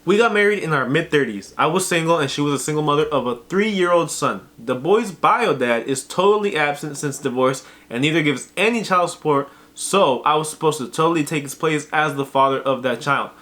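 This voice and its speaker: A man co-hosting a podcast, reacting to the stories with quick jokes and interjections. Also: a little high, a bit bright. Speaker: podcast co-host. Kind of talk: casual podcast banter.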